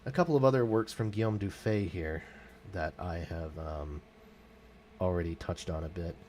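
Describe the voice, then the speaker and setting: A very low-voiced man with a darkish tone, a native English-speaking music vlogger, rambles casually through music history without a script. He hesitates a lot, filling gaps with ums and correcting himself mid-sentence, while a faint hiss runs beneath the recording.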